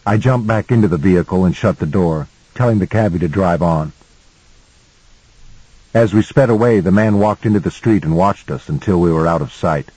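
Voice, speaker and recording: A man narrating a novel in the first person as an audiobook, in a measured storytelling manner. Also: sits low, mellow, husky, no echo, poor audio.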